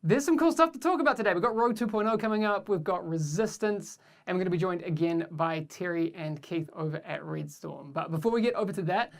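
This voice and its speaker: A man's voice: high-pitched, quick pace, gravelly. A man hosting a game livestream show, upbeat and full of fillers. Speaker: host.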